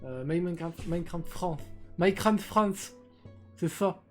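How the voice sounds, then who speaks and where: A man's voice: high-pitched, unhurried, fairly bright tone, soft background music. A young man streaming live, chatting casually and rambling with lots of hesitations and crude slang into a filtered desk microphone. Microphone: desk microphone with noise filters.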